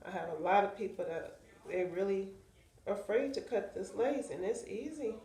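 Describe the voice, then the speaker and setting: A woman's voice: medium pitch, animated, normal speed, mellow, reverberant, slight background noise. A woman with a stuffy, nasal voice from sinus trouble, chatting casually to viewers while showing how she cuts and installs a wig. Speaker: wig seller demonstrating a wig install. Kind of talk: casual how-to vlog chat.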